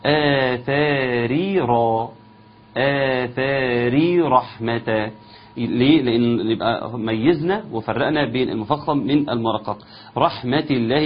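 A man with an Egyptian Arabic accent teaching tajweed. He explains the rules quickly in a conversational way and slows down to chant the verses. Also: mid-range voice, breathy edge, highs cut off. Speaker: Quran recitation teacher. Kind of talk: tajweed lesson with chanted recitation.

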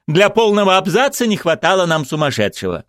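A cheeky, sharp-tongued young woman activist, scornful and loud, her voice leaping high and swooping all over, as a male narrator puts her on in an audiobook. It sounds close and dry. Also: very animated, a little fast, dry recording. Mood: mocking. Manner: scornful, sarcastic, shouting.

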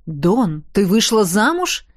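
A woman voicing a tall, friendly male celebrity actor who talks in a relaxed, chatty way. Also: mid-range voice, takes it slowly, no room sound, clean studio sound.

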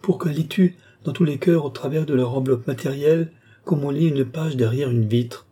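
A man's voice: mid-range voice, moderate pace, mellow, slightly rough, pitched above the performer's own voice, close to an everyday voice. A man reading as a brooding ambitious mystic. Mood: exalted. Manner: solemn, exalted declamation. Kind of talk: audiobook character reading.

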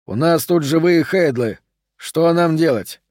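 A man's voice: a little high, unhurried, darkish tone, dry recording, clean studio sound, pitched above the performer's own voice. A man reading an audiobook, voicing a young soldier calling urgently over a field radio. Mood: agitated. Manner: agitated, urgent.

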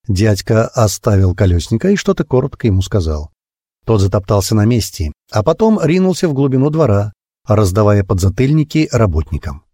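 Deep husky man narrating an audiobook. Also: big pitch swings, brisk, mellow, no room sound, studio quality. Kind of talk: first-person audiobook narration.

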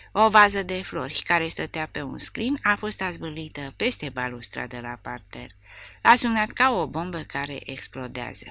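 A woman reading a novel aloud as an expressive narrator. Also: sits low. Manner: expressive storytelling. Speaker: audiobook narrator. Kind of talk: scripted narration.

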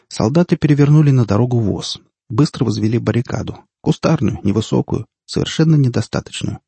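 Gravelly, dark-voiced male audiobook reader. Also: medium pitch, no room sound. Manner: measured, steady reading. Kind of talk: fantasy audiobook narration.

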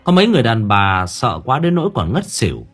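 A male narrator tells a horror story with vivid drama and lively rises and falls in pitch. His voice is husky and faint music plays under the reading. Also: fast. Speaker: audiobook narrator.

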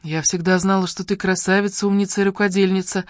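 A reader voicing a rude, scolding old village woman who shouts coarse, bossy lines at a young woman. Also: mid-range voice, little pitch movement, fast, no room sound, clean studio sound, voice pushed up, close to an everyday voice. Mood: sugary.

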